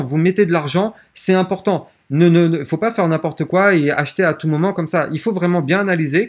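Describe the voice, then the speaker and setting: A man with a slightly high voice walks viewers through price charts in a casual screen-share tutorial. He talks in a chatty, loose way. He often stumbles, repeats words and restarts sentences as he goes. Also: husky. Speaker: crypto tutorial host.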